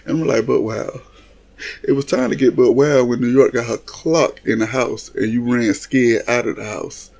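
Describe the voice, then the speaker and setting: A man's voice: mid-range voice, moderate pace, creaky. A man casually recapping a reality show reunion, laughing often, swearing freely and acting out what the cast members said. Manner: animated, laughing, profane, mimics cast members.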